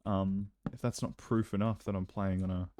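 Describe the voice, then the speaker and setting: A young man giving casual let's-play commentary, chatty and rambling, breaking into excited outbursts now and then. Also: low-pitched, normal speed, slight background noise. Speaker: gameplay commentator.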